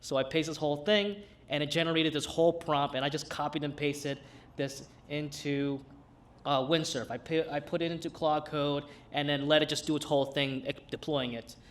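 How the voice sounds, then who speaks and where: A man's voice: fairly high pitch, steady tone, moderate pace. A man from New York City with a Brooklyn accent, presenting a demo in a casual, conversational way. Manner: informal, conversational. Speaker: hack night demo presenter, non-developer. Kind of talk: casual live demo talk.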